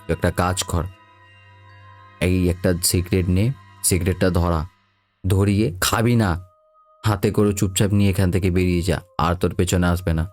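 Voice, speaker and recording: A blunt, scolding shopkeeper uncle, as a male storyteller puts him on. He talks in a low register and barks orders before turning gently instructive. Faint background music runs under this audio ghost story. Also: flat delivery, normal speed, long pauses, natural voice. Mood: instructing.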